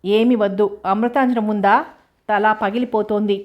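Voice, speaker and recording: A woman's voice: medium pitch, steady tone, normal speed, highs cut off, natural voice. A woman narrator voicing a feverish, stubborn young man who is petulant and demanding from his sickbed.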